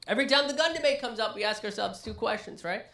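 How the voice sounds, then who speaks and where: A male comedian doing a live stand-up set in a small listening room, ranting and animated. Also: sits high, quick pace, gravelly, echoey room, slight background noise.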